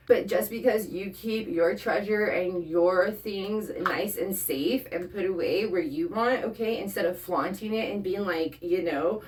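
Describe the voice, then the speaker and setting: Woman tarot reader, casual and profane, middle pitch, sits back from the mic. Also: a little mellow, slight background noise. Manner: blunt and profane, checks in with "okay?" often. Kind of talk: casual spoken tarot reading to the viewer. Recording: voice a bit far from the mic.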